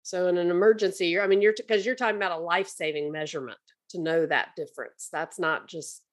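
A woman's voice: lowish voice, steady tone, fast. A woman interviewing in a conversational style, restating key points with emphasis.

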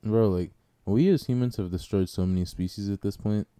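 A man's voice: on the low side, a little fast, dark tone, clean tone. A young man in casual podcast banter, talking in a slangy frat-bro way as a co-host. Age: young adult.

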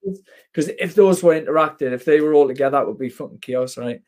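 A man's voice: fairly high pitch, fast, a little mellow. A young British man chatting casually in a blokey, emphatic, sweary way. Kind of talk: casual chat.

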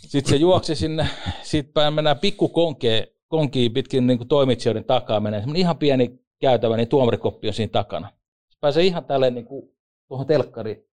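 A man, an ice hockey referee and former league player, telling lively joking anecdotes in a casual interview. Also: medium pitch.

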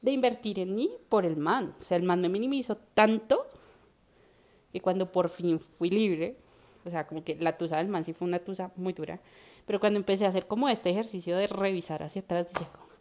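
A woman's voice: lowish voice, fairly quick. A woman with a Colombian accent, co-hosting a casual podcast chat and telling personal stories animatedly. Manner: animated storytelling. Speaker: podcast co-host.

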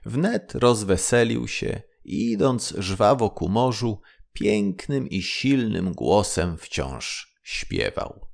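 A man reads a fairy tale aloud as a bedtime story, slowly and soothingly. His voice is low and gravelly, and it moves up and down in a lively way. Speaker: narrator.

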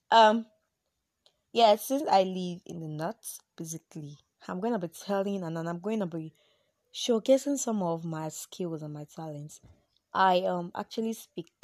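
A woman's voice: lowish voice, a little mellow, no room sound, studio quality. A woman from Nigeria with a Yoruba accent, chatting casually and playfully as a solo podcast host, with informal Pidgin turns of phrase.

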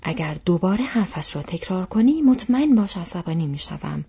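A stern, patient old wizard who speaks in a low, measured half-whisper, as a woman reads his part. The voice is dark and soft with heavy breathiness. It comes from a storybook reading on a dull, lo-fi recording. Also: big pitch swings, breathy edge, exaggerated voice. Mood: stern, grave.

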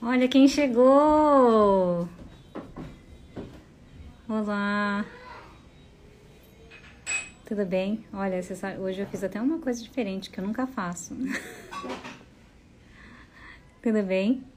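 A woman's voice: mid-range voice, takes it slowly, pauses often, darkish tone, slight background noise. A woman with a Brazilian accent hosting a casual live stream, chatty and effusive as she greets viewers by name. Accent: Brazilian Portuguese.

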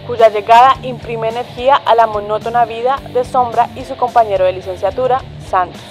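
Woman reading a synopsis over guitar. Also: fairly high pitch. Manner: even, read-aloud delivery. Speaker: synopsis narrator. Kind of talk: scripted narration.

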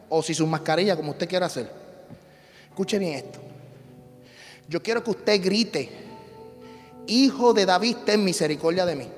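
A man preaching an impassioned sermon, swinging from loud repeated shouts to low storytelling. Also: long reverb tail. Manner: shifts from shouting to hushed storytelling, repetitive cadence. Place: church sanctuary.

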